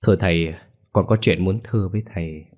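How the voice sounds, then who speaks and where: Male narrator doing a polite, deferential grown son, low voice, storybook. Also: fast talker, a little mellow. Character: respectful middle-aged businessman son.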